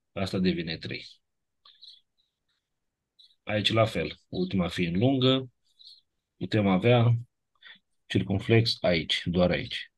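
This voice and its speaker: A man teaching a class, going methodically through grammar rules and checking understanding with short tag questions. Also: on the low side. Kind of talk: classroom lecture reviewing grammar.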